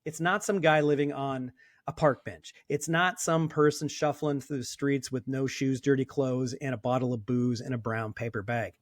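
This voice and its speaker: Steady in tone and moderate in pace, a fifties-aged sober coach's medium-pitched voice comes through clean studio sound without echo. He's a guest in a casual interview, blunt and emphatic, swearing occasionally.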